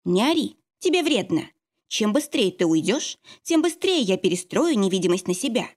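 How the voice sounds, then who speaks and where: A woman's voice: medium pitch, sing-song, moderate pace, a little mellow. A woman reading an audiobook, voicing a fierce young heroine who snaps and growls orders. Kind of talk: audiobook character voice.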